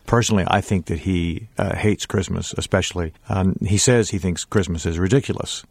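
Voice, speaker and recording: A male stage actor chatting in a radio interview, thoughtful and animated, laughing now and then. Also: sits low, a little fast, gravelly, slightly rough, no echo. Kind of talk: casual interview chat.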